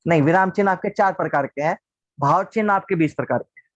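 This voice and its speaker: A man's voice: sits high, fast talker, dry recording. Man teaching an online class. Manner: patient, asks class questions and answers them himself. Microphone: video call. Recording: dull lo-fi online class audio.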